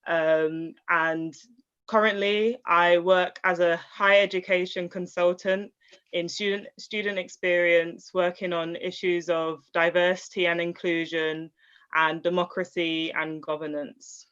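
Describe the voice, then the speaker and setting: Woman, panel guest, composed, lowish steady voice, lo-fi call. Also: unhurried, smooth.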